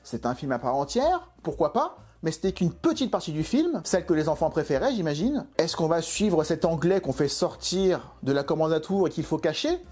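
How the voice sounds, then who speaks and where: A man's voice: fairly high pitch, very animated, moderate pace, few pauses, a little mellow, husky. A man reviewing a film in an exasperated, emphatic way, full of rhetorical questions. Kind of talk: opinionated video film review.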